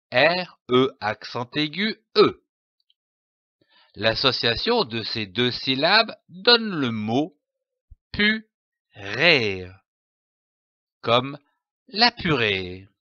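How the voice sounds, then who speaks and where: Slow, bright-voiced man teaching reading. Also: mid-range voice, no echo, dull audio. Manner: spells letters then sounds out syllables clearly. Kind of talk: slow syllable-by-syllable reading lesson.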